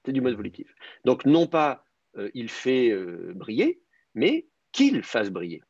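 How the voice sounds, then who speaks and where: A man's voice: medium pitch, very animated, unhurried, vocal fry, darkish tone, slightly rough, dry recording, muffled recording. A man teaching a Hebrew grammar class online, explaining step by step and thinking aloud with many hesitations.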